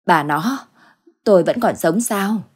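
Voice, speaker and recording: A woman voicing a frightened elderly village husband in a ghost story, with a husky voice and an anxious, pleading way of talking. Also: mid-range voice, animated, moderate pace, a little mellow. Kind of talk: storybook ghost tale acting.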